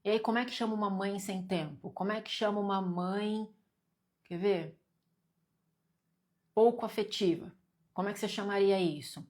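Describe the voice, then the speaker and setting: A woman with a Brazilian accent leads a live stream exercise and reads viewers' comments aloud. She talks to them directly and with a teasing edge, repeating points and pushing them to answer. Her voice sits at a middle pitch. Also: fairly even intonation, moderate pace, pauses often, a little mellow.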